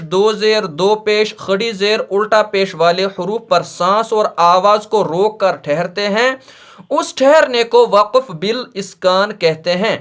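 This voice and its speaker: A woman gives a recitation lesson at an unhurried, deliberate pace. She works through the rules step by step, patiently repeating lists of marks and pointing to one example after another. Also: on the high side, a bit bright. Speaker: Quran recitation teacher.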